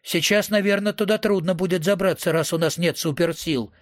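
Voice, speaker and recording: A man reading aloud who voices a laid-back young man with a low-key, deadpan delivery. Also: a little fast, no echo, studio quality, close to an everyday voice.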